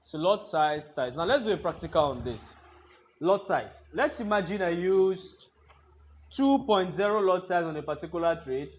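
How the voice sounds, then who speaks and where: A man with a notably high voice leads a trading lesson in a classroom. He lectures and keeps throwing half-finished questions at the students for them to complete. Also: lively intonation, moderate pace, a little hiss or hum. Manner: quizzing the class with fill-in-the-blank questions. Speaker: trading instructor.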